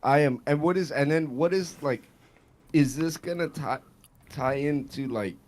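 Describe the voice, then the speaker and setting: A man's voice: fairly high pitch, unhurried, a little mellow. A man co-hosting a casual gaming podcast over an online call, chatty and loose, swearing often. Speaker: podcast co-host.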